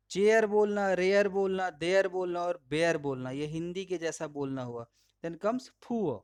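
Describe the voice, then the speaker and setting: A male pronunciation teacher with an Indian English accent and Hindi as his first language, slowly and patiently modeling each word aloud while explaining slides. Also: high voice, darkish tone, no room sound. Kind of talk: slide-based lesson.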